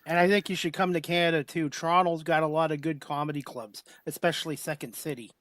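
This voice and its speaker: A man's voice: a little high, fairly even intonation, fast, fairly bright tone, dry recording. An upbeat man hosting an online talk show, putting questions straight to his guests. His voice sounds dry and close, with little room around it. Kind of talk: casual interview chat.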